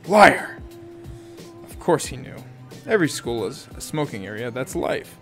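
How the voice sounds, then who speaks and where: A man's voice: medium pitch, expressive, moderate pace, soft background music. A man reading a novel aloud in first person, in a casual amateur audiobook style with asides and self-corrections. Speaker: audiobook reader.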